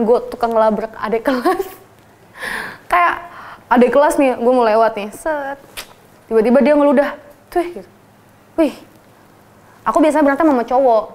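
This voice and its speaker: A young woman, telling a story casually and acting out quotes with lots of energy and laughter. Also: on the high side. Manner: animated, acts out quotes loudly, laughs often.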